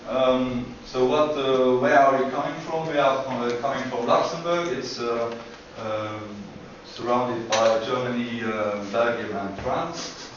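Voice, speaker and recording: A man giving a short conference pitch about a school project, halting and full of filler sounds. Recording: echoey hall, far from mic, dull, noisy.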